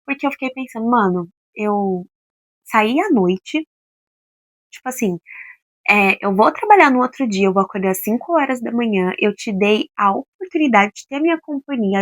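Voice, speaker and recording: A young Brazilian woman in her twenties chats straight to the camera, her voice sitting a little high. She tells her story casually and expressively, acting out the quoted lines. The sound is close and dry, with no room around her. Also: dry recording. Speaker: vlogger.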